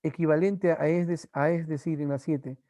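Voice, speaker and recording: A male teacher from Peru giving an online language class, slowly repeating examples and his students' answers. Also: a little high, steady tone, warm tone, no echo.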